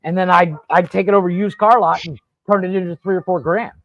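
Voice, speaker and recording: A man hosting a casual podcast, telling rambling, profane stories in an animated way. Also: high-pitched, fast talker, muffled recording. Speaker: podcast host. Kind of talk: casual storytelling chat. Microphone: podcast studio mic.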